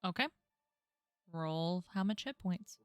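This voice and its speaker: A woman's voice: fairly low pitch, expressive, slow pace, smooth, dry recording. A woman narrating a tabletop role-playing game as game master.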